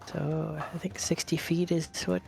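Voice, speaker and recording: A woman's voice: low voice, level tone, unhurried, creaky, a little mellow, faint music behind. A woman chatting casually and wryly as a player in a tabletop game.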